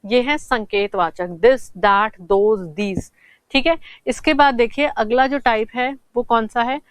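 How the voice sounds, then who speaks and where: A woman teaching English grammar in a classroom-style lesson. She asks questions and answers them herself, and slows down to spell out English example sentences. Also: fairly high pitch, clear, resonant tone, dry recording.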